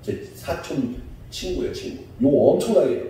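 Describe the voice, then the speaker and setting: A male pastor preaches in a church sanctuary, his pitch rising and falling with lively emphasis. He has a Seoul Korean accent, and his voice is dark and mellow. He is recorded from a distance, so the voice carries a heavy echo and a faint hiss. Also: moderate pace. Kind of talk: sermon. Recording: echoey hall, distant mic, faint hiss.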